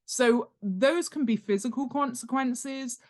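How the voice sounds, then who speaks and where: Speaking slowly in a high voice, a woman explains with emphasis as a podcast guest, an author and world-building expert, in a casual instructional interview chat. Her manner is animated and informal, repeating key points for stress and using rhetorical questions and acted-out examples.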